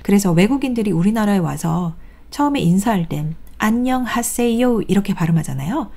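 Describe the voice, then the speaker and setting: A woman's voice: mid-range voice, lively intonation, quick pace, vocal fry, dark tone, husky. A woman teaching English pronunciation in a recorded online lecture, patiently reading examples aloud for the class to follow.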